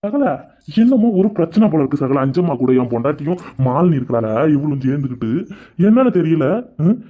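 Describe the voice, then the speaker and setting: A man plays a sarcastic middle-aged husband who scolds his crying wife. His voice sits a little high, and the recording is dull and lo-fi. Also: sing-song, fairly quick. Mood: puzzled. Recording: dull lo-fi sound.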